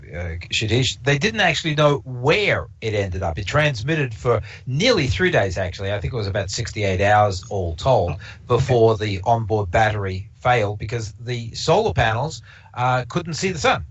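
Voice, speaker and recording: Medium in pitch and fairly bright in tone, a man from Canada whose first language isn't English rambles through a casual observatory talk with plenty of fillers and restarts. The recording is slightly dull lo-fi stream audio.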